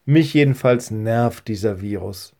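Friendly pastor telling children a story. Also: male voice, fairly low pitch, a little slow, warm tone. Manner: friendly, addresses children directly with questions. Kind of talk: children's church story narration.

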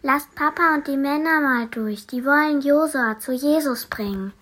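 A man voicing an excited little girl in a children's Bible story, with a high, breathy, hushed voice. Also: normal speed.

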